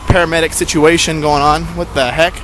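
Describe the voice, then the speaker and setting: A man's voice: fairly high pitch, level tone, brisk. A man in his thirties filming himself at arm's length, giving sarcastic running commentary on a road trip. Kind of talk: casual vlog narration to camera. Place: city streets outdoors, later inside a truck cab at night. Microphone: handheld camera at arm's length. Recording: noisy street and traffic background.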